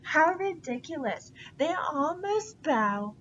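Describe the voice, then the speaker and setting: A haughty, petulant counselor demanding to be bowed to, voiced by a woman, slow and whiny. The recording is dull and lo-fi with a faint rumble behind. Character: arrogant, petulant male royal counselor.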